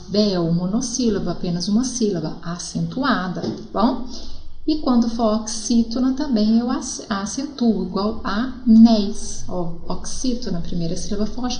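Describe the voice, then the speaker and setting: A woman's voice: medium pitch, a little mellow. Brazilian woman teaching in an echoey room. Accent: Brazilian Portuguese. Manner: explains step by step, checks in with "ok?" and "tá bom?". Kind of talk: classroom lesson.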